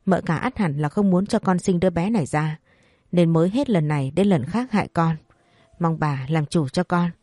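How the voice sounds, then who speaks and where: A woman voicing a scheming pregnant young maid who wails and pleads fast in fake tears. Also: lowish voice, dark tone, dry recording, clean studio sound, natural voice. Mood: wailing.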